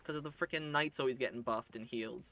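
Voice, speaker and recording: Laid-back man with a sharp, bright voice. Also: medium pitch, fast talker, a little hiss or hum. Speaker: gaming co-host. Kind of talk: casual chat while playing a game.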